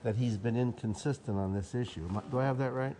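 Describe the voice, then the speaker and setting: A man's voice: medium pitch, fast, dark tone, slight background noise. A man co-hosting a casual political chat from a newsroom, asking wry, teasing questions. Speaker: newspaper political reporter co-hosting.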